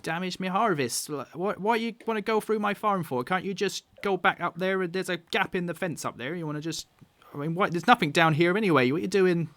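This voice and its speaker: A man's voice: high-pitched, brisk, few pauses, fairly bright tone, no room sound, voice pushed up. A man voicing a suspicious halfling farmer woman who is protective of her son. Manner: suspicious, scolding.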